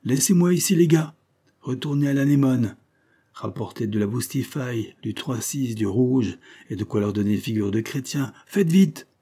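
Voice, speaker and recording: Vieux loup de mer grognon, argot de matelot, timbre voilé, joué par un homme. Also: male voice, medium pitch, expressive, normal speed, mellow, pitched above the performer's own voice. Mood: gruff, bossy. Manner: barking orders, rough sailor slang. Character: gruff bold old male sea captain.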